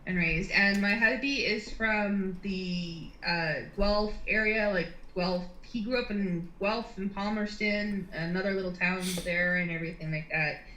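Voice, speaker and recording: A woman in her thirties chats casually as a guest, her voice bright and forward. She rambles, piling on fillers and restarts as she talks. The sound is echoey, as if in a bare room. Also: medium pitch, a little slow, few pauses, dull audio, a little hiss or hum. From Ontario, Canada. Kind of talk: casual chat.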